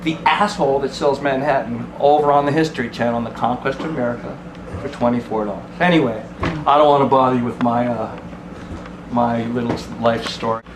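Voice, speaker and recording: A man's voice: medium pitch, fairly even intonation, fairly quick. A chatty man talks up his family with a boastful, casual manner. The room around him is echoey, and the recording carries heavy background noise. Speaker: participant at a storytelling circle. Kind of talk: casual self-introduction.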